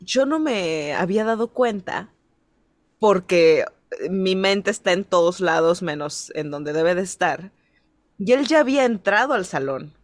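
A woman's voice: fairly low pitch, animated, measured pace, dry recording. A young Mexican woman telling a rambling anecdote in casual podcast chat. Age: young adult. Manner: rambling anecdotes with acted quotes. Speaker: podcast co-host.

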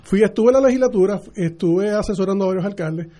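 Puerto rican guy on the radio, high voice but mellow, keeps stumbling and restarting. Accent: Puerto Rican Spanish. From Puerto Rico. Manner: earnest, halting with many restarts. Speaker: mayoral candidate guest. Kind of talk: radio interview.

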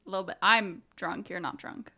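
A woman co-hosting a podcast in casual chat, quick with asides and often laughing. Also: lowish voice, steady tone, gravelly, bright, forceful tone. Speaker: podcast co-host.

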